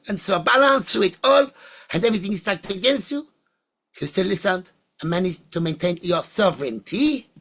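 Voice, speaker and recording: The voice is husky, mid-pitched, fairly bright in tone, and of ambiguous sex, belonging to a seance medium who channels spirits. Giving answers in trance, it proceeds haltingly and deliberately, in short oracular fragments.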